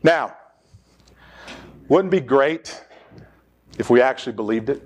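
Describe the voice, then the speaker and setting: A man's voice: medium pitch, animated, measured pace, breathy edge. A man preaching a sermon as pastor in a church, leading the congregation in call-and-response. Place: church sanctuary.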